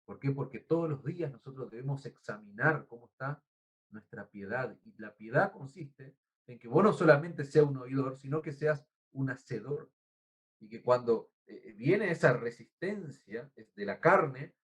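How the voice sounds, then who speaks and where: Earnest Argentine pastor preaching. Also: male voice, medium pitch, animated, normal speed. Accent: Argentine Spanish. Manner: earnest preaching that often addresses listeners as brother; teacherly, explains words and spells them out. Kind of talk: sermon.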